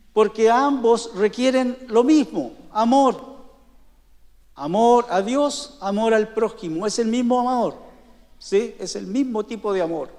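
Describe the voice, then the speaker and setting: A man's voice: sits high, a little mellow, long reverb tail. A man preaching a sermon as pastor, talking conversationally and often checking in with the congregation. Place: church hall.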